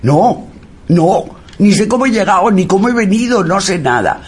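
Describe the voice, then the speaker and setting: A woman's voice: mid-range voice, expressive, normal speed, darkish tone, slightly rough, voice pushed up. A woman voicing a frightened young freckled English boy who keeps asking where he is. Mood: bewildered. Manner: panicked repeated questions.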